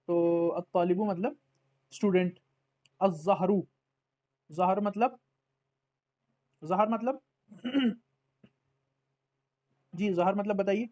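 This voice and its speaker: Guy with a fairly high voice teaching an arabic lesson, repeats everything, keeps checking you got it. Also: long pauses, a little mellow. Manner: patient, repeats words and checks with "ٹھیک؟". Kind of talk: online language lesson.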